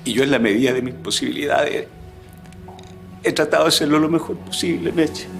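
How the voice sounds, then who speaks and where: Soap-opera father: quavering voice, humble and remorseful, halting delivery, music clearly underneath. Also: a little high. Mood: emotional, pleading. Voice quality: trembling, quavering voice with emotion. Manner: halting, earnest, emotional. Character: tender, remorseful father speaking humbly to his daughter. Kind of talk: television melodrama acting. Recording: loud music over soap dialogue.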